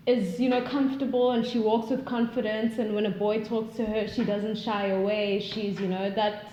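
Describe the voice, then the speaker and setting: This earnest guest on a podcast is a reflective woman in her twenties who isn't a native English speaker and sometimes hunts for words in casual talk. Her voice is medium-pitched and mellow, with little pitch movement, at a moderate pace. The recording carries a roomy echo.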